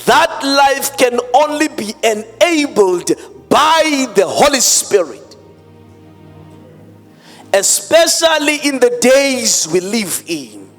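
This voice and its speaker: A pastor preaching into a pulpit microphone, emphatic and drawn out, mixing in Xhosa words. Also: male voice, very high-pitched, very animated, slow, fairly bright tone. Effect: speaking into a pulpit microphone. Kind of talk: sermon. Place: church hall. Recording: long hall reverb, faint music behind.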